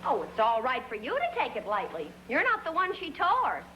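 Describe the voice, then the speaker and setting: An actress playing a melodramatic, self-admiring young college student who talks in theatrical, exaggerated alarm, in 1950s sitcom style. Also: female voice, sits high, wildly swooping pitch, a little fast, sharp tone, a little hiss or hum, heavily acted, rough recording. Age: young adult. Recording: old TV soundtrack, studio audience laughter.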